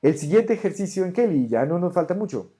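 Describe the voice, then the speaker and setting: Very dark-voiced patient language teacher. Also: medium pitch, sing-song. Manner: patient, explanatory, sounds out Greek words slowly. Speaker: ancient Greek teacher. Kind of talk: online grammar lesson, correcting homework. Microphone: camera on a desk.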